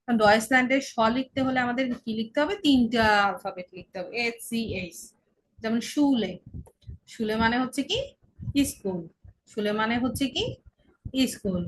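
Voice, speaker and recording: A woman with a fairly high voice teaches German letters and sounds. She speaks patiently, repeating each sound and answering her own questions. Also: brisk, rough recording. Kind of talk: explanatory lesson.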